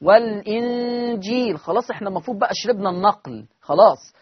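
A man with an Egyptian accent teaching a Quran recitation lesson, explaining step by step, asking his listeners questions and demonstrating sounds with slow drawn-out recitation. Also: a little high, expressive, husky, no room sound, highs cut off. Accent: Egyptian Arabic.

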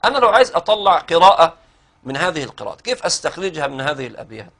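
An Egyptian-accented man teaches a recitation class with a somewhat high-pitched voice. He works through the rules step by step and stretches out the verse lines he chants. He stops now and then to quiz a student. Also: sing-song, racing, a bit bright. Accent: Egyptian Arabic. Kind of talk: classroom explanation.

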